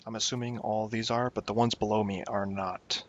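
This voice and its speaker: Speaking at a moderate pace in a low, level tone, a young man narrates his gameplay casually from home. The gaming YouTuber wanders from thought to thought, teases himself, and chats to no one in particular, all on a dull lo-fi recording.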